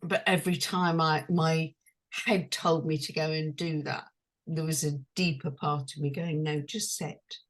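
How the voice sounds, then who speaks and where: A woman from London, a transformational coach telling a personal story in a slow, hushed, intimate way. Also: low voice, level tone. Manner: slow, hushed and intimate, dwelling on each phrase.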